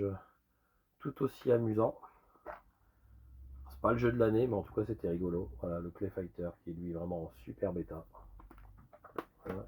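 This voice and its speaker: A man with a rusty, hoarse voice worn by a lingering cough, casually presenting a collection in an informal, rambling show-and-tell. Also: fairly low pitch, slight background noise, low-quality recording. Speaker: retro game collector presenting a sale.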